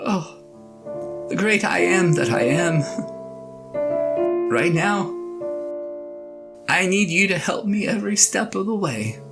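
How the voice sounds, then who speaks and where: A woman playing a flustered, reluctant Moses as an aging husband, halting and pleading in a conversational audio drama monologue. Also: on the low side, expressive, vocal fry, heavily acted. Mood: weary, resigned. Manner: halting, stammering, pleading, sighing. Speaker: actor in a one-person audio drama. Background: guitar and piano music.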